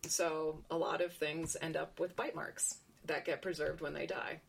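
A woman's voice: deep voice, flat delivery, normal speed, creaky, a little hiss or hum. A woman researcher explaining her work in conversation, thinking aloud with frequent restarts and asides.

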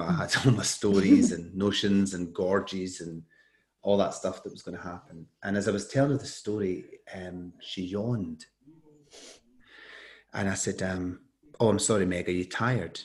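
Middle-aged man, low register, animated anecdote teller, voices the people he quotes. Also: normal speed. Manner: animated, acts out quoted dialogue. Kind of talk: storytelling in conversation.

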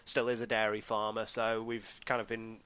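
A man's voice: fairly low pitch, monotone, normal speed, fairly bright tone, clear, resonant tone. A man, chatting casually and self-deprecatingly as a podcast guest. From northeast England. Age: 30s. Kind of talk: casual chat.

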